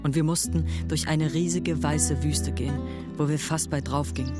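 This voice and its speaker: In a German radio drama, a performer plays an adventurous Apache raider vividly recounting a youth of raids, proud and reminiscing. The voice is medium-pitched with fairly even intonation at a moderate pace, lightly acted, with loud guitar music behind.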